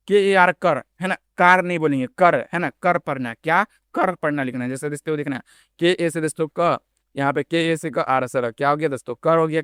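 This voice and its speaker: Male tutor, quick and clear, close dry mic, spells words letter by letter. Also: a little high, a bit bright, no echo. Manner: addresses viewers as friends constantly. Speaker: teacher. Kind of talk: online tutorial for beginners.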